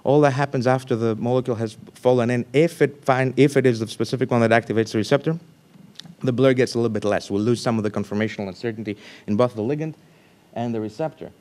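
A man giving a scientific talk at a conference in a lecture room, speaking loosely with restarts and sudden animated bursts of emphasis. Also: medium pitch, fast.

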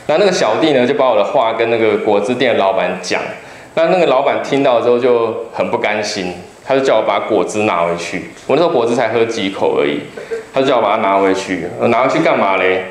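A man's voice: lowish voice, animated, quick pace. A man in his thirties from Taiwan with a Taiwanese Mandarin accent, giving a chatty, joking talk to an audience. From Kaohsiung, Taiwan. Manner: chatty storytelling, jokes with the audience. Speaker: public lecturer, travel writer. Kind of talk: humorous public talk with slides. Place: lecture hall. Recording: roomy hall with faint background noise.

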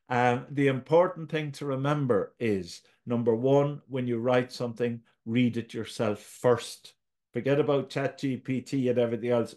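A man with an Irish accent giving a screen-share tutorial, patiently talking through each step as he goes. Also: mid-range voice. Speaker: tutorial presenter.

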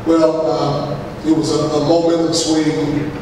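A middle-aged man, a head football coach, answering press questions after a game in a measured, halting way with many fillers and restarts. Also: a little high, level tone. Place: press room with backdrop, large echoey space. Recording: echoey hall, far mic, noisy.

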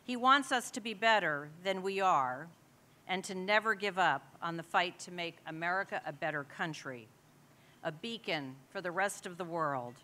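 Bright-voiced woman giving a formal tribute. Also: lowish voice, normal speed. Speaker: co-chair presenting an award. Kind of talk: formal dinner speech.

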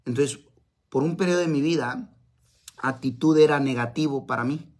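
A man's voice: a little high, normal speed, a little mellow. A man giving a live-streamed motivational talk, emphatic and repeating his key phrases. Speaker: motivational speaker. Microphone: camera mic on live stream.

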